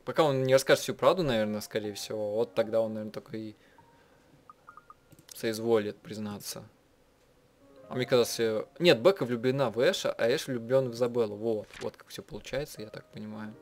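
A man with a medium-pitched, slightly mellow voice translates and voices a visual novel out loud, commenting in a relaxed way. He halts often to rephrase mid-sentence, and game soundtrack music plays behind his voice.

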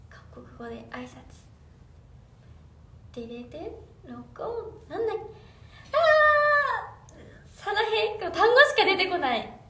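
A bubbly young woman with a high voice chats on a phone livestream, reading out fan comments and giggling as she answers. She sits a little off the mic in a roomy, echoing room with a faint hum of noise behind her. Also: fairly bright tone, far from the mic. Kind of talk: casual livestream chat.

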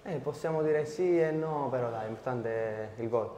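Young Sicilian footballer, echoey room. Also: male voice, mid-range voice, moderate pace, mellow. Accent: Sicilian Italian. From Sicily, Italy. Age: 20s. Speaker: footballer being interviewed. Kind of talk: casual post-match interview. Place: press backdrop after the match. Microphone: small clip-on mic on polo.

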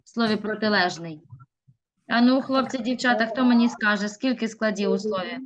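A woman's voice: mid-range voice, brisk, dull audio, a crowd in the background. A woman teaching a classroom lesson, stretching out words as she dictates and coaxing pupils with questions. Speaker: primary school teacher.

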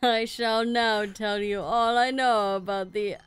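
A woman's voice: a little high, steady tone, unhurried, smooth, no room sound, soft background music, close to an everyday voice. A woman reading as the ancient Great Deku Tree. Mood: solemn. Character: ancient wise male tree spirit, solemn. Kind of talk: reading game dialogue aloud.

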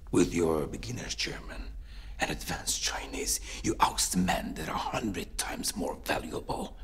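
An actor playing a contemptuous male boss who berates a job applicant, hissing some lines in a whisper and shouting others. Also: mid-range voice, creaky, heavily acted. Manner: sneering, berating, swings from hissed whispers to shouts. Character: contemptuous misogynist male boss, middle-aged. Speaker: boss interviewing a secretary.

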